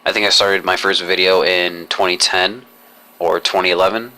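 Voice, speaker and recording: A young man rambles through a vlog update in stiff, formal, roundabout sentences, stopping and restarting often. His voice sits low and moves very little, but it has a hard, bright edge. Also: flat delivery, moderate pace. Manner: formal, long-winded phrasing with many restarts. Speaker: YouTuber.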